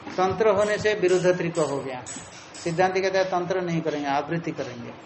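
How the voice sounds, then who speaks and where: A man's voice: high voice, fairly quick, reverberant, slight background noise, rough recording. A man teaching a Sanskrit philosophy lecture, explaining step by step and repeating the key terms.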